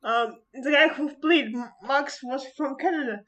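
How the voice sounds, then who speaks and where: A woman's voice: high-pitched, a little slow, bright, forceful tone, rough recording. A woman co-hosting a podcast, talking casually and hesitantly with many fillers and giggles. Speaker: podcast co-host. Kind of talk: casual chat.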